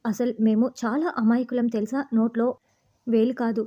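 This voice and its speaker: A woman's voice: a little high, little pitch movement, moderate pace, muffled recording, natural voice. Woman voicing a sly teasing housewife hostage. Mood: mock-innocent. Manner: mock-innocent, taunting.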